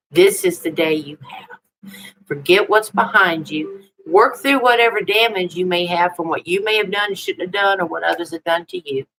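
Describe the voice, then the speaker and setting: A woman's voice: fairly low pitch, fairly bright tone, a little hiss or hum, low-quality recording. A woman of sixty with a Tennessee accent, chatting casually and folksily with viewers on a live stream. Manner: folksy, chatty, with homespun exclamations.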